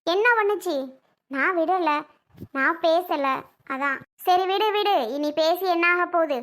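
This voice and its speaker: A woman's voice: extremely high pitch, a little slow, a bit bright. A woman playing a pleading, self-blaming mother in an amateur family drama skit. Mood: resentful. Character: pleading mother, wife of a failed son.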